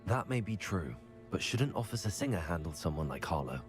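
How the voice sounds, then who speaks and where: A man voicing a calm, curious young male student in video game dialogue, matter-of-fact in manner. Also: deep voice, fairly quick, over music.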